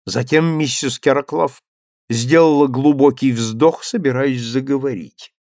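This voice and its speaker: A man narrating an audiobook in an expressive, animated manner. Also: mid-range voice, unhurried, no echo, clean studio sound. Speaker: reader.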